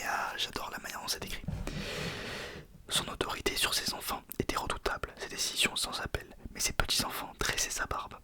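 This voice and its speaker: Man whispering an ASMR reading. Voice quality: soft unvoiced whisper. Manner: informal, stumbles over words and corrects himself. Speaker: ASMR video creator. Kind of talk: whispered ASMR book reading with casual asides.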